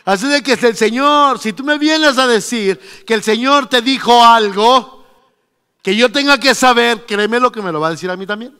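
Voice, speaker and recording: A man's voice: extremely high pitch, normal speed, sharp tone, clear, resonant tone. A man preaching a sermon, emphatic and storytelling. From Mexico. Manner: storytelling, emphatic, acting out quotes. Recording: long reverb of a church hall.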